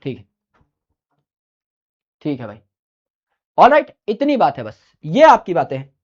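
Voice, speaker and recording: A man's voice: a little high, huge pitch swings, unhurried, darkish tone, dull audio. A man teaching in a chatty, informal lecture style, giving study advice and repeating his key points with emphasis.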